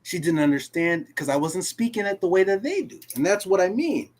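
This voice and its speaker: A man whose first language is Creole, telling a personal story in casual live talk-show chat, animated and emphatic, often repeating himself. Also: high-pitched, brisk. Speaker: co-host.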